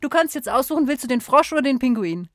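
A woman hosting a radio call-in game, her voice high and cheerful, her tone teasing and chatty. She speaks close to a dry studio mic with no echo at all. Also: expressive, quick pace. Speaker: radio game show host.

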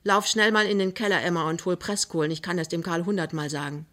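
Brief: old proletarian mother, sharp and hostile, barking orders and shouting, put on by a woman reader. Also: on the low side, fairly even intonation, fast talker, lightly acted. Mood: gruff scolding. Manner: scolding, shouting in bursts. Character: fierce old working-class mother, sharp-tongued. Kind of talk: dramatic novel reading.

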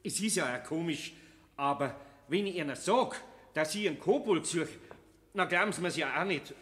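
An actor playing a flustered master carpenter, stammering in a Bavarian accent, in a radio play. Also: male voice, a little high, lively intonation, moderate pace, fairly bright tone, long reverb tail.

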